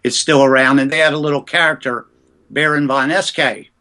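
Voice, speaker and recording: A man with a bright, forceful voice spins lively anecdotes in a relaxed interview. He talks a little higher than most men. He is a ventriloquist from the US East Coast recalling his start in show business. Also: fairly quick. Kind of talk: casual storytelling interview.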